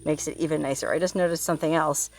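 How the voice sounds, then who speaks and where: A woman's voice: sits low, fairly even intonation, quick pace, faint music behind. A woman travel vlogger talking outdoors in a desert canyon, in a casual, playful and jokey way. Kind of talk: casual vlog narration.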